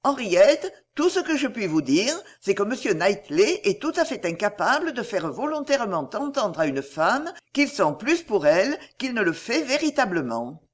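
A woman voicing a proud, troubled young gentlewoman in a storybook reading, speaking with strained earnestness. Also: medium pitch, sing-song, moderate pace, few pauses. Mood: earnest.

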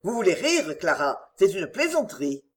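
A man's voice: high-pitched, big pitch swings, normal speed. A woman voicing a flustered elderly male doctor, a stern father reacting with incredulous exasperation in a storybook reading.

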